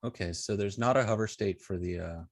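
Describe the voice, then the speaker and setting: In a dry, studio-quality recording, a man with a fairly low voice speaks briskly while leading a casual, hands-on coding lesson. He's a web design instructor who thinks aloud with hesitation and lets sentences trail off.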